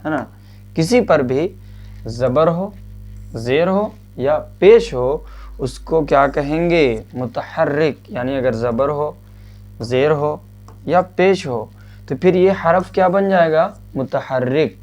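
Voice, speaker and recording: A man's voice: on the high side, darkish tone, faint music behind. Patient man teaching Quran reading. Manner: patient, asks and answers own questions; drills letter sounds slowly. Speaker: religious teacher.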